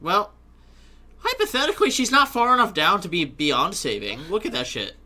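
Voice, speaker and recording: Woman streamer, lively swings, bright tone, loud and profane, keyboard clicks behind. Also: medium pitch, normal speed. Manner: loud, swears freely, animated. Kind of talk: casual chat over a game stream.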